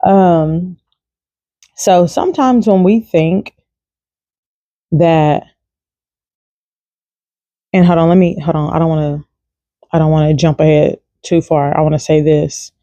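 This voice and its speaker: Woman vlogger talking faith, relaxed and conversational, warm timbre, dry recording. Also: low voice, slow pace, pauses often, no room sound. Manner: chatty and informal, many fillers. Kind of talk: casual devotional talk to camera.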